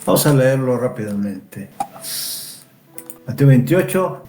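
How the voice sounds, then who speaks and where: A man's voice: mid-range voice, dark tone. Guy reading bible verses n explaining, kinda echoey, faint music. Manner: explains and reads verses with fillers and restarts. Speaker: Bible study teacher. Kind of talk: Bible lesson review, reading scripture aloud.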